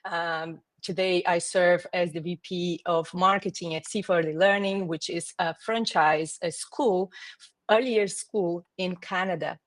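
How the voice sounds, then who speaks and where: A woman's voice: fairly low pitch, fairly even intonation, unhurried, dry recording. A woman in her forties from Brazil, speaking English with a Brazilian Portuguese accent, a guest talking thoughtfully over a video call with hesitant restarts. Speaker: guest, marketing executive. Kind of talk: conversational interview.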